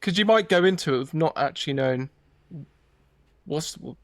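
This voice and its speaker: A man's voice: on the high side, expressive, normal speed, dry recording. Chatty British man, dry studio sound. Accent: British English. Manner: chatty, self-deprecating, laughs often. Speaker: podcast co-host, wedding photographer. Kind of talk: casual podcast chat.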